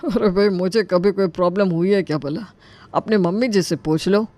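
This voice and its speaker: A woman's voice: mid-range voice, moderate pace, dark tone, dry recording, natural voice. Easygoing father-in-law voiced by a woman, darker tone, dry sound, cartoon story.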